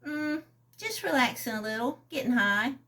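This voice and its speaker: A woman's voice: sits high, animated, normal speed, bright, forceful tone, voice pushed up. A woman reading a novel aloud, voicing a playful, slightly tipsy young woman who sounds buoyant and teasing.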